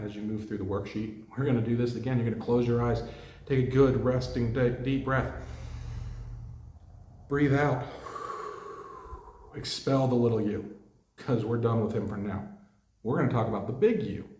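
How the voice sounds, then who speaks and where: A man leads a guided mental coaching lesson for ball players. His tone is calm and direct, and he keeps asking questions. The pitch sits in the middle and the room gives back a clear echo. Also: fairly quick, a little hiss or hum.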